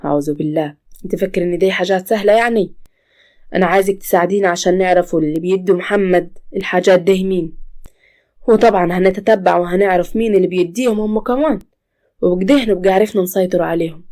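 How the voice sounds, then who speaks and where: A woman's voice: fairly low pitch, quick pace, mellow, close to an everyday voice. A woman voicing a stern, threatening male police officer in a storybook tale. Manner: menacing, interrogating.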